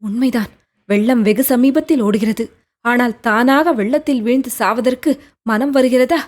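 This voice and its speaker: A woman's voice: on the high side, normal speed, darkish tone, lightly acted. A woman voicing a lovelorn young woman who speaks of her sorrow in a plaintive, earnest way in an audiobook. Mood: wistful. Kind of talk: audiobook character reading.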